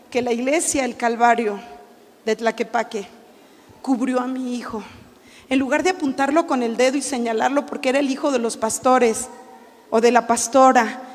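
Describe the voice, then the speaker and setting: High-voiced fervent woman preacher, hall echo. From Mexico. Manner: fervent, rises to shouting for emphasis. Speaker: pastor. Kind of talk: preached sermon. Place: large church hall. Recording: long hall reverb.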